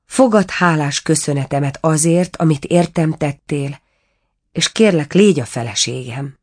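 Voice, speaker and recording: A woman's voice: low voice, expressive. A woman voicing a caliph turned into a stork in a storybook reading, eager and exclaiming.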